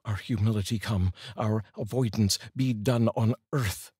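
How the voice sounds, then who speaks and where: Earnest and measured, a middle-aged host and voice-over reader recites poetry for his viewers in a deep, heavily husky, darkish voice with a steady tone. The recording is dry and close with no echo, captured in a small room on a large studio microphone held up close.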